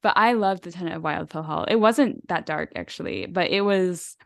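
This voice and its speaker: A woman with a slightly low voice, talking with eager enthusiasm and rambling on with fillers and small laughs. Her sound is close and dry, with no room around it. It is relaxed podcast chat. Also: moderate pace, creaky, no echo. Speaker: podcast co-host. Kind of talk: casual book chat.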